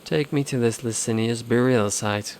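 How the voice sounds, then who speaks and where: A man's voice: mid-range voice, moderate pace, over music, lightly acted. A man voicing a literal-minded robotic machine intelligence, reading its lines in stiff, clipped, precise wording. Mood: formal. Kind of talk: reading game dialogue aloud.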